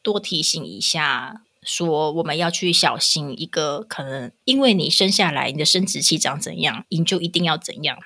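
A woman's voice: low-pitched, moderate pace, few pauses, slightly rough. A woman with a Taiwanese Mandarin accent hosting a casual, opinionated podcast, telling stories animatedly and acting out what people say. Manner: animated storytelling, acting out quotes. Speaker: podcast host.

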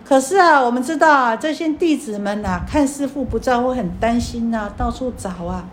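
A woman Buddhist teacher tells a parable in a dharma talk. Her voice is somewhat high, and she stretches the particles at the ends of her phrases. A faint hiss sits under the recording. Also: lively intonation. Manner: drawn-out particles, addresses audience.

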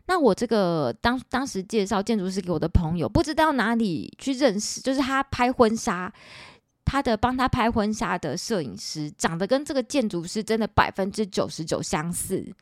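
Animated Taiwanese woman telling stories. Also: medium pitch, normal speed, dry recording, clean studio sound. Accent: Taiwanese Mandarin. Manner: animated, chatty, dramatic retelling with quoted dialogue. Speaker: podcast host. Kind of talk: personal storytelling podcast.

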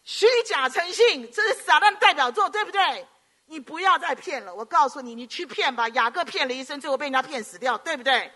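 Woman preacher from Hong Kong, middle-aged, high bright voice, lively sermon delivery. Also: brisk. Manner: animated storytelling with rhetorical questions.

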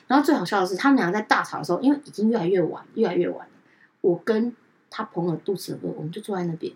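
Lady chatting fast, doing everyone's voices in her story. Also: distant mic. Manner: animated, acts out family members' lines with big pitch jumps. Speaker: podcast co-host. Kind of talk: casual storytelling chat.

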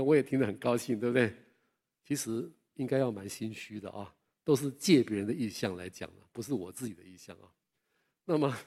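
An older man preaching a sermon. He tells animated, self-deprecating personal stories and often asks his listeners questions. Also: mid-range voice. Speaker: pastor.

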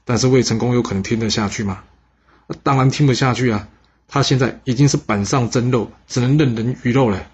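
Husky-voiced man telling history. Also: medium pitch, brisk, a little mellow, muffled recording. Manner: chatty, asides to the listener. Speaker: podcast storyteller. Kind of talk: casual history storytelling.

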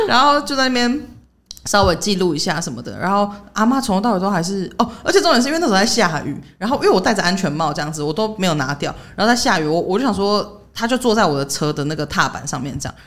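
A fast-talking woman recounts a story on a relaxed chat show, her pitch leaping up and down as she acts out the people in it. She keeps a brisk pace throughout and slips into the voices of the people she quotes. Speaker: podcast co-host.

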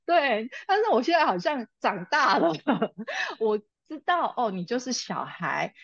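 A woman's voice: on the high side, breathy edge, no echo, highs cut off. A woman, a mother and interview guest, telling a personal story and often laughing. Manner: laughs often, quotes herself and her child.

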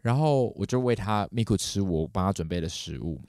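A man tells a story on his podcast at a rapid clip. His voice sits low and mellow, and it is recorded dry and close. He acts out the other people in the story with sudden leaps in pitch. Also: no room sound. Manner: animated, acts out quoted voices with big pitch jumps. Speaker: podcast host. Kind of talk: casual storytelling.

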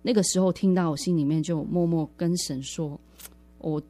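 A woman's voice: fairly low pitch, fairly even intonation, moderate pace, warm tone. A woman sharing her personal faith testimony in a radio interview, earnest and reflective, often restarting her words.

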